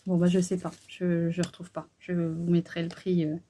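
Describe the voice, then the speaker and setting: A woman's voice: lowish voice, flat delivery, normal speed, warm tone. A middle-aged woman chatting casually through a beauty haul, hesitant and full of fillers. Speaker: beauty vlogger.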